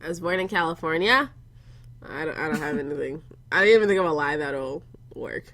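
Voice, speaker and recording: Teasing young woman, bright lively voice. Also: low-pitched, a little fast. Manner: teasing, playful. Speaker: podcast co-host. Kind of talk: casual chat.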